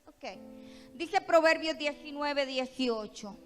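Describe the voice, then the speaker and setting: A woman pastor with a Costa Rican accent, preaching a sermon in a church with impassioned, emphatic delivery that swells to loud peaks. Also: sits high, takes it slowly. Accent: Costa Rican Spanish. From Costa Rica. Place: church hall. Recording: reverberant church hall with music.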